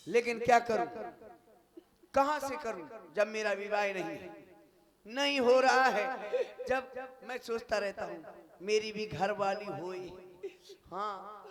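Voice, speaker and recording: A man's voice: high-pitched, lively intonation, takes it slowly, long pauses, crowd noise. A man, singing and talking through a self-mocking comic lament about being unmarried on a folk stage. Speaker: comedian in a folk stage show. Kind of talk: sung comic song and stage monologue. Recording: live stage show with loud music.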